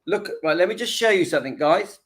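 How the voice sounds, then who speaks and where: A man's voice: high-pitched, lively intonation, fast talker, fairly bright tone, slight background noise. A man in his fifties vlogging from home, earnestly rallying his viewers and repeating his points for emphasis. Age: 50s. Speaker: channel host. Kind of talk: casual direct-to-camera vlog.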